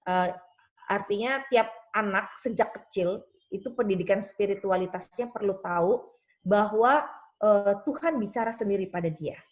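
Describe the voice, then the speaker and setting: A woman pastor giving a conversational seminar talk, telling lively stories and jumping up in pitch whenever she quotes someone. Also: moderate pace. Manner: lively storytelling that leaps high in pitch when quoting others; conversational, with frequent tag phrases. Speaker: pastor and speaker on children's faith.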